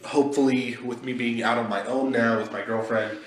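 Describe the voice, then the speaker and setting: Speaking fairly quickly at a medium pitch with a steady tone, a young video blogger chats casually to the camera. The phone, held at arm's length, picks up a little hiss or hum along with the echo of the small indoor walkway in the house being moved into.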